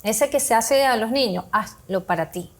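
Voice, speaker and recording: A woman's voice: a little high, moderate pace. A woman guest on a talk show, explaining how to handle emotions with everyday examples and acted-out bits of self-talk. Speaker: guest speaker on emotional health.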